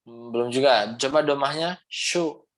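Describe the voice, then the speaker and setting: A man teaching pronunciation in an online class over a video call, patient and repetitive, modeling sounds slowly. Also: medium pitch, a bit bright. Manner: patient, repeats "seperti itu, ya" often, demonstrates sounds. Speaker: Quran recitation teacher.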